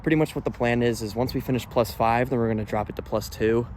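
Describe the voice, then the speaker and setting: A man's voice: mid-range voice, fairly even intonation, fast, a little mellow. Stuffy-nosed man, noisy outdoor recording. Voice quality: congested, stuffy-nosed sound. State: allergies, blocked nose, breathing through mouth. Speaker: disc golf player filming his round. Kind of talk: casual self-commentary while playing. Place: outdoors on a disc golf course.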